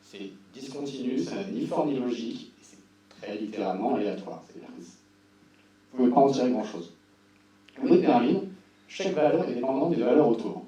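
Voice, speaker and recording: A man's voice: mid-range voice, animated, fairly quick, warm tone. A man giving an informal technical presentation as a conference speaker, casual and wry with dry-humoured asides. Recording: roomy echo, distant mic, faint hum.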